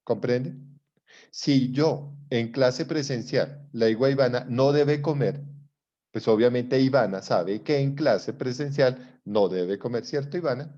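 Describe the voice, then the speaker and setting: Colombian lecturer on a dull line. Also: male voice, medium pitch, a little slow, dark tone. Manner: conversational, keeps checking that students follow. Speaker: psychology lecturer. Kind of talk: online class lecture.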